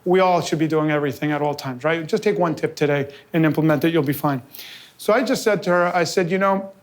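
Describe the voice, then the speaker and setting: High-pitched, animated male presenter from New York. He rattles off tips and anecdotes to a live crowd. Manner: fast, animated storytelling with quick asides and quoted dialogue. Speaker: convention founder giving a presentation. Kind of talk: energetic live talk to an audience. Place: office event space with a live audience.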